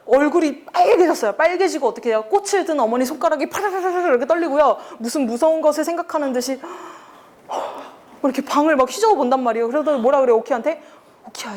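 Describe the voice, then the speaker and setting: A woman teaching a youth reading club, explaining a story scene by scene, acting out the characters' lines and asking the students questions. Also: high-pitched. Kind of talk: lecture with acted quotes.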